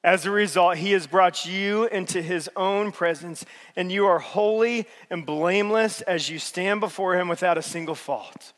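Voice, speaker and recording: A man with a high voice preaches a sermon in a large church auditorium, his words trailing off into a long hall reverb. He swings from loud, emphatic peaks down to soft, low passages. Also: normal speed, few pauses. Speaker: pastor.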